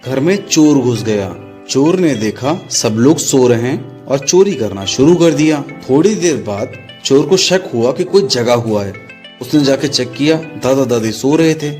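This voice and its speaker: A man's voice: medium pitch, darkish tone. A man narrating a comic story in a plain, matter-of-fact way. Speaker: joke narrator.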